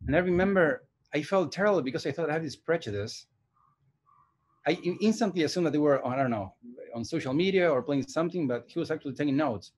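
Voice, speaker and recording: Recorded with poor audio and a bit of background noise, a slightly high-voiced man speaks quickly. He is a forties-aged animation director and teacher from Argentina, musing through a casual interview with many pauses and restarts.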